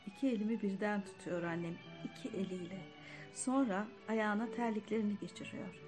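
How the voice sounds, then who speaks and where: A woman reads a literary story aloud in a measured, reflective voice, at an even middle pitch. Soft music plays faintly behind her.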